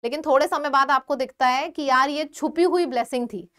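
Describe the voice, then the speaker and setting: High-voiced Indian woman teaching vocabulary. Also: fairly bright tone. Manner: explains slowly, repeats words, quizzes the viewer. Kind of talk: exam-prep vocabulary lesson.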